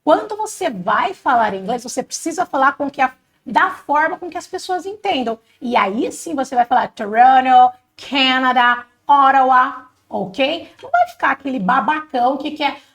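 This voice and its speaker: A woman from Brazil teaching an English lesson, energetic, talking straight to viewers and drilling phrases for them to repeat. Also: sits high, normal speed. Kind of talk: casual online language lesson.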